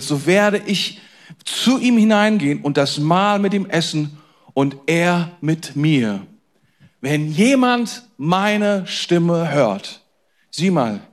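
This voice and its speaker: Male pastor, high voice, casual sermon delivery that swings from loud stress to low, quiet intensity. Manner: lively, shifts between loud emphasis and quiet intensity; conversational, addresses listeners directly.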